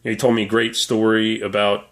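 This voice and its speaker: A man's voice: lowish voice, monotone, fast talker, gravelly, fairly bright tone. A hungover, slightly ornery man talking casually to viewers as a vlogger, telling stories in a conversational way. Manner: conversational storytelling, acting out quoted dialogue. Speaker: vlogger, comic collector. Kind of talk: casual monologue to camera showing comic haul.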